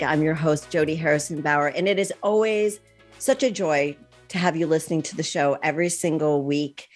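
Here a woman in her sixties interviews a guest on her podcast, chatting enthusiastically and slipping in the odd um. Her voice runs low, noticeably deeper than most women's.

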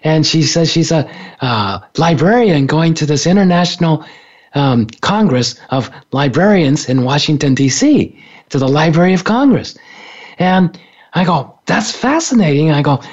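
Animated older man telling a story. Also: on the high side. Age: 60s. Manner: animated, laughing, acts out other people's lines. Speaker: co-host. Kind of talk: casual storytelling. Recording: dull lo-fi radio sound.

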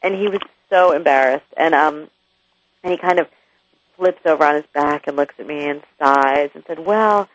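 A woman's voice: sits low, fairly even intonation, moderate pace, dry recording, poor audio. Candid chatty woman author. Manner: candid, chatty, with many restarts and asides. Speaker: guest author. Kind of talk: radio interview.

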